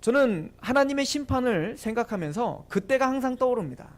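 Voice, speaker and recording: A male pastor tells a story in his sermon, often turning to the congregation with questions. His voice sits high and moves through a very lively range. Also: fairly quick. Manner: animated, addresses the congregation with questions.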